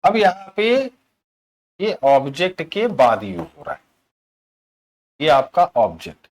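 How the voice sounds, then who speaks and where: Animated, slow-paced man teaching grammar. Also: a little high. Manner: explains in Hindi mixed with English terms, asks "ठीक है?" often; animated, stresses key words, slows right down for example sentences. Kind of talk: classroom-style video lesson.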